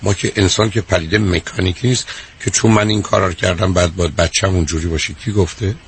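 A man's voice: low voice, fairly even intonation, slight background noise. A man hosting a call-in advice show, lecturing a caller bluntly and repeating his points. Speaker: radio advice host. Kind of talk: call-in counseling.

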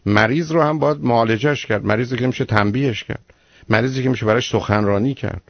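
A man's voice: mid-range voice, no echo, lo-fi sound. A man hosting a radio call-in show as the advising doctor. He lectures the caller bluntly and keeps firing rhetorical questions.

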